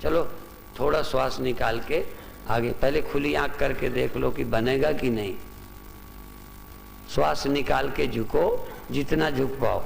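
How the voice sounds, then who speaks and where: Gravelly man guiding breath in a hall. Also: mid-range voice, a little slow. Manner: instructs a group step by step with repeated short commands. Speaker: spiritual teacher. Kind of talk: spiritual discourse and guided breathing exercise. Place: large hall with a gathered audience. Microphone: loudspeaker microphone. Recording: long reverb in a hall, faint noise.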